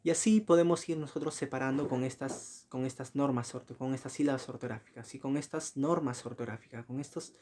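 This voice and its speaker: A man giving a recorded slide lecture, often correcting himself, asking short checking questions and spelling out examples slowly. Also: mid-range voice, steady tone, a little mellow, slight background noise. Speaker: teacher.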